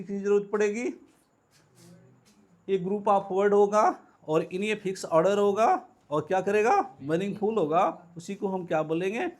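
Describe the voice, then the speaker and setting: A man teaching a grammar lesson to students in a classroom lecture, who asks and answers his own questions and repeats the key words. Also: high-pitched. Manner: calls students "beta". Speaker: English teacher.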